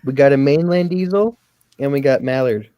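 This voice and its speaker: A man's voice: medium pitch, moderate pace, mellow, no room sound. A man in a casual group chat, handing out roles in a direct, organizing way. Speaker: casting organizer.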